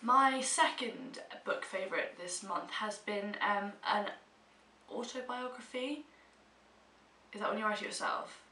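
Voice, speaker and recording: A young adult British vlogger with a stuffy cold chats casually yet emphatically to camera about her monthly favourites from a small room at home. Her medium-pitched voice is a little slow, pushed and bright. The recording has roomy echo, a distant mic and faint hiss.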